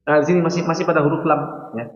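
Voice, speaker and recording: A man's voice: on the high side, flat delivery, fast. A man with a Javanese Indonesian accent teaching Quran recitation in a mosque class, explaining patiently, demonstrating sounds and quizzing his students. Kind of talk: religious class lecture. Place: mosque hall. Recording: echoey, dull mosque hall recording.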